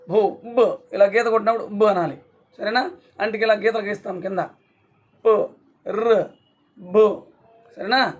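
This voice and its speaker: A man teaching a class online, sounding out syllables slowly and often checking that students follow. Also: high-pitched. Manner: slow syllable-by-syllable explaining, frequent checks.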